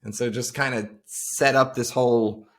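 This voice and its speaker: A man's voice: medium pitch, steady tone, normal speed, a bit bright. A man in his forties from Long Island, talking as a podcast guest over a video call, rambling with many fillers and restarts. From Long Island, New York. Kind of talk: casual interview chat.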